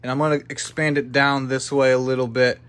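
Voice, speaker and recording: An upbeat young man with a voice of ordinary middle pitch, talking casually as he walks a phone camera around his hobby room. He thinks out loud, musing and asking viewers for their opinions. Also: little pitch movement, fairly quick. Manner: chatty and upbeat, thinking aloud. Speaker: YouTuber showing his toy brick city. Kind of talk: casual walkthrough vlog. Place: indoor hobby room with a tabletop model city.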